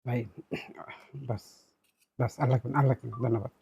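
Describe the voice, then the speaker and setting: A Bangladeshi man with a husky voice chats casually to viewers in a mukbang eating show, making unhurried, repetitive remarks between bites. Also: medium pitch, steady tone, mellow, dry recording. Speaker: food vlogger eating on camera.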